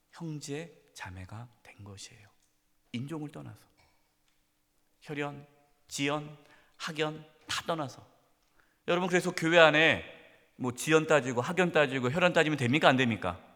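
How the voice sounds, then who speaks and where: Middle-aged pastor preaching, kinda high voice, goes loud then drops to a whisper, big echoey church. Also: male voice. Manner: swings between loud emphatic questions and hushed near-whispers. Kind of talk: sermon. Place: church sanctuary. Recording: long church hall reverb.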